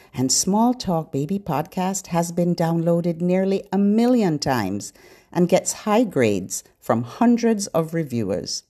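A middle-aged or older woman with a lowish voice hosts a children's podcast. Her scripted narration is expressive and instructional, aimed at parents and their babies.

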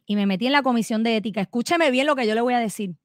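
A middle-aged woman with a Puerto Rican accent delivers a fiery opinion monologue. She speaks emphatically and combatively, turning directly to her listeners. Her voice sits fairly high and sounds close and dry. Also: very fast, no echo. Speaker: political commentator and elected delegate.

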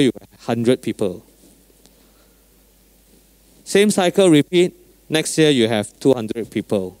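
A man preaching an informal sermon as a pastor, in a Singaporean or Malaysian accent with colloquial Singlish phrasing and particles, telling stories in an animated way. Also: medium pitch, dry recording, poor audio. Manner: animated storyteller, acting out dialogue.

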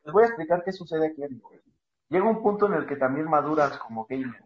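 A man's voice: a little high, animated, fast talker, muffled recording, background noise. A man with a Mexican accent, bantering with friends while gaming and giving mock-solemn speeches. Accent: Mexican Spanish. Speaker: gamer with friends.

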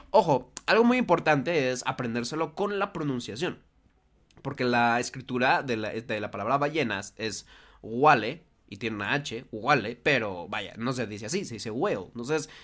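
A man's voice: medium pitch, fairly bright tone. Friendly man teaching a memory trick. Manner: conversational, asks rhetorical questions often. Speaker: language teacher. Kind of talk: casual explanatory lesson.

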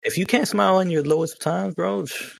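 Man, raspy voice, close dry sound, slangy, sweary, repeats himself, casual sports debate. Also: high-pitched, brisk, dry recording. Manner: slangy, sweary, stumbling over repeated words.

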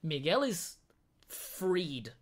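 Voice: medium pitch, extremely slow. A guest host on a casual film podcast, giving an enthusiastic, analytical breakdown of a movie's craft. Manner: animated, switches into mimicking characters.

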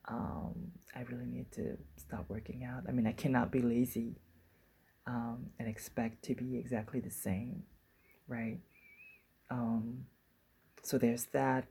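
A woman's voice: a bass voice, flat delivery, unhurried, creaky, warm tone, slightly rough. A woman in her forties hosting a solo podcast in a casual, musing way, often circling back and restarting her thoughts. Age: 40s. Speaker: podcast host.

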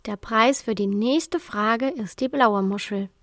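A woman voicing a friendly seagull who sets riddles in a children's story, gently instructive. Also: a little high, a little slow, no echo, clean studio sound.

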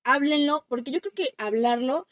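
A woman's voice: sits high, moderate pace, fairly bright tone. Earnest young woman giving advice. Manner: earnest, gives advice straight to listeners. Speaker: podcast co-host. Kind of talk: casual chat.

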